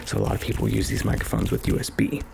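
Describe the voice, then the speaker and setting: A man doing casual ASMR, rambling and thinking aloud in a hushed, often whispered voice, close to a microphone in a small home studio. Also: on the low side, big pitch swings, quick pace. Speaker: ASMR video creator. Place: small home studio bedroom with acoustic panels. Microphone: stereo XLR microphone, close up. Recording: clear background noise, clicks.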